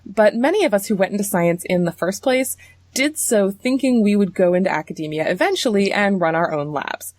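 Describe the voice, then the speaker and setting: A woman hosting a science podcast speaks in a clear, measured way at a middle pitch. She reads a personal intro, then moves into calm questions. The sound is dry and close. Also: no room sound. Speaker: podcast host and interviewer.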